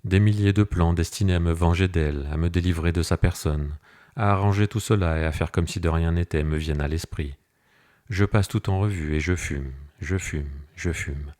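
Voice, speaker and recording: A man narrating a classic novel aloud in measured, grave first-person reading. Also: low voice, darkish tone. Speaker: audiobook narrator. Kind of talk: scripted literary narration.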